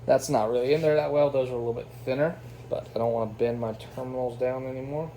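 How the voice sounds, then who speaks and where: Speaking fast at a medium pitch, with a steady, dark tone, a man gives a casual, enthusiastic hands-on product review, unboxing and testing the item informally. The recording is rough, with clear background noise.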